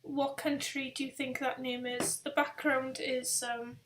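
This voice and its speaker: A tired woman hosting a live-stream quiz, rambling casually and reading each question out slowly, repeating it as she goes. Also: high voice, little pitch movement, noisy background. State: tired, yawning. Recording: echoey room sound.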